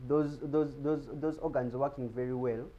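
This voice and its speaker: A man's voice: medium pitch, steady tone, normal speed, lo-fi sound, a little hiss or hum. A man giving an explanatory talk on health in a TV studio, often repeating words as he searches for them. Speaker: guest speaker on health.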